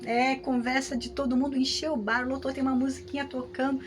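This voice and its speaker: A Brazilian woman with a high, bright-sounding voice gives a lesson, keeping it lively and conversational. She often checks in with her listeners through quick tag questions. A faint hum of background noise sits under her voice. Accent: Brazilian Portuguese. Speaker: teacher. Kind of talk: lecture with hypothetical examples.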